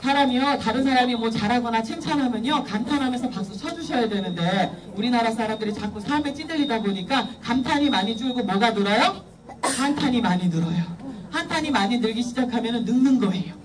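A woman giving a lively parenting lecture in a school hall, playfully teasing the audience and leading them in clapping and cheers. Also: fairly high pitch, fast talker. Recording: distant mic, loud crowd and noise.

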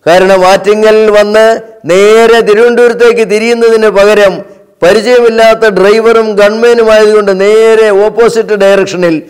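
A man's voice: high-pitched, flat delivery, normal speed, smooth. An older man recounting personal memories as an interview guest, in a vivid, anecdotal way. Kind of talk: memoir storytelling.

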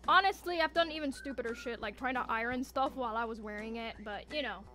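Talking fast in a bright, forceful, slightly high voice, a woman livestreams games while soft music plays in the background. The VTuber chats casually with viewers, teasing them and reacting to their messages with playful, exaggerated emphasis.

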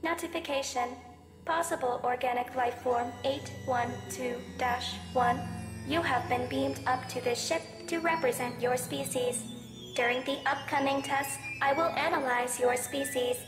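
A woman's voice: sits high, fairly even intonation, unhurried. A woman voicing a cold female ship AI in a game, her voice computer-processed, clipped and announcing commands word by word. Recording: echoey game audio with long reverb. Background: game music.

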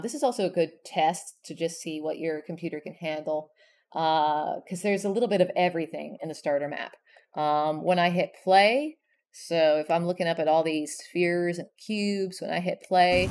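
A woman giving a relaxed, chatty screen-share software tutorial, talking through each step with frequent ums and self-corrections. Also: fairly low pitch.

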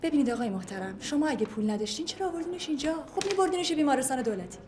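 An actress playing a cold, bureaucratic hospital receptionist who answers curtly and dismissively. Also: female voice, high voice, animated, darkish tone, slight background noise. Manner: curt, dismissive.

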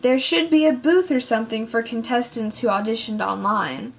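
A woman's voice: fairly high pitch, gravelly, slight background noise. A woman voicing an anxious teenage girl singer who talks in fretful bursts. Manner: fretful, speaks in quick bursts.

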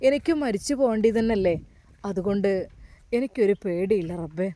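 A man's voice: high voice, expressive, normal speed, warm tone, no echo. A woman voicing a grieving young male religious scholar, speaking in a subdued inner monologue and prayer. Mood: sorrowful resolve.

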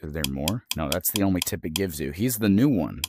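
Against a noisy background, a man with a low-pitched, expressive voice gives slightly fast let's-play commentary on a horror game as a gaming YouTuber. He swears a lot, reacts with jumpy starts and explains the game's mechanics out loud in a casual way.

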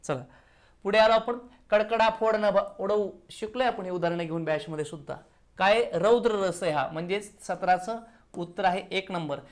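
A man teaching an exam answer walkthrough, briskly asking questions and answering them himself. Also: high-pitched.

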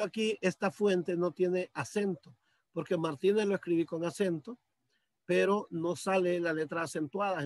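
High-voiced man teaching a computer class. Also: dry recording. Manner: patient step-by-step explaining, addressing students. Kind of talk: screen-share computer lesson. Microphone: computer mic on a video call.

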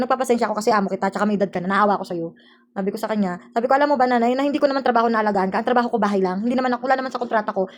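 A woman from the Philippines, a domestic worker telling her story in a casual vlog, aggrieved and talking fast. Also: fairly high pitch. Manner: rapid, aggrieved recounting. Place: employer's house indoors.

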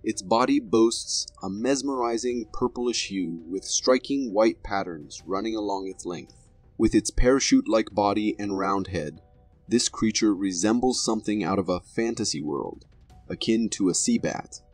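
A man's voice: on the low side, normal speed, darkish tone, breathy edge, no echo, faint music behind. A man reading scripted narration for a video compilation in a dramatic, formal manner.

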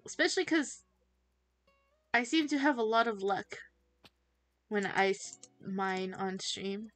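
During a casual gaming livestream, a teenage girl chats with viewers, giggling, laughing easily and getting distracted. Her mid-range voice has lively intonation and a fairly bright tone, recorded dry with soft background music.

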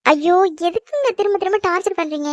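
A woman voicing a feisty, quick-tongued schoolgirl in a cartoon who protests and talks back. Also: very high-pitched, expressive, no echo. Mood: protesting. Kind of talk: cartoon voice acting.

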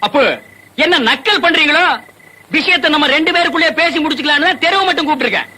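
A domineering village man threatens and scolds in a film drama. His voice sits very high and sounds sharp and cutting. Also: fast talker, exaggerated voice, poor audio. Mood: angry. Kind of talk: Tamil film acting.

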